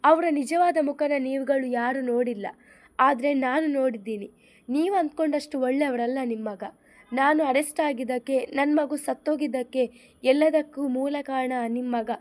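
A woman's voice: high-pitched, close to an everyday voice. A woman voicing a grief-stricken young wife who speaks in a tearful, accusing way in an audio story.

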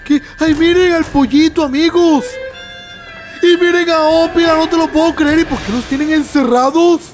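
A man hosting his channel, excitedly reacting to a game trailer and talking to his viewers as friends. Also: very high-pitched, normal speed, over music. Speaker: YouTuber host.

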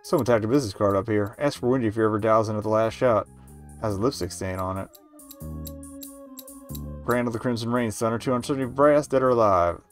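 A male game streamer in his thirties with a fairly low voice. He reads on-screen text aloud and adds casual remarks, with light music underneath. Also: fast, pauses often. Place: indoor room at home, webcam stream.

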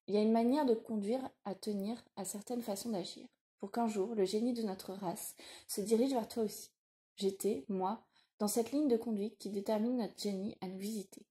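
Woman reader voicing a middle-aged blacksmith father, solemn and tender, mellow tone, audiobook. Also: medium pitch, steady tone, moderate pace, natural voice. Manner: solemn, confiding. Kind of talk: audiobook reading.

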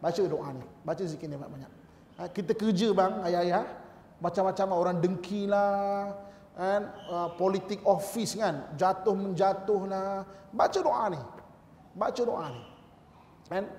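A man's voice: high voice, measured pace, a little mellow. A man with a Malaysian Malay accent giving a chatty religious lecture in a mosque, speaking straight to his listeners and reciting Arabic phrases. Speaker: religious teacher. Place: large mosque hall. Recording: echoey mosque hall with long reverb.

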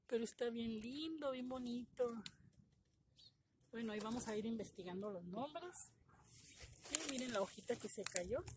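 A middle-aged woman, talking excitedly to viewers in a casual unboxing video, her voice trembling with emotion. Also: fairly high pitch, background noise. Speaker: gardening vlogger.

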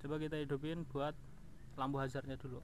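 A fast-talking man with a mid-range voice and level tone walks viewers around his motorbike in a casual vlog. As a motovlog host he keeps it informal and colloquial, filmed outdoors in a house yard on an action camera where background noise comes through clearly.

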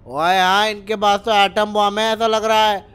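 A young man commentating gameplay excitedly, full of loud exclamations. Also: high-pitched, normal speed, smooth. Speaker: gaming channel host.

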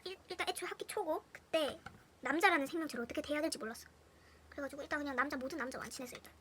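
A young woman with a Gyeongsang Korean accent telling funny school stories to her viewers in a casual, animated way, swinging between hushed whispers and loud bursts with lots of laughter. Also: high-pitched, noisy background. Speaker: storyteller vlogger. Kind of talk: casual anecdote storytelling to viewers.

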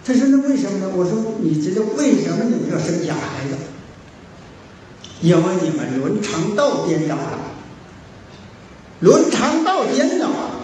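A man's voice: high voice, a little mellow. A man with a Northeastern Mandarin accent tells stories in a folksy moral sermon, acting out the dialogue with broad animation. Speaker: moral teacher lecturing at a forum. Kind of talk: storytelling folk sermon. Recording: very echoey hall, distant mic, faint hiss.

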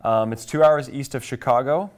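Speaking at a moderate pace in a mid-range voice, this twenty-something guest from Kansas, United States, answers interview questions casually in an American accent. A lapel mic records him inside a small TV studio.

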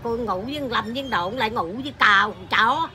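A woman who performs in a lô tô troupe. She tells a comic anecdote in a crude, blunt and animated way and laughs often. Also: a little high, a little fast.

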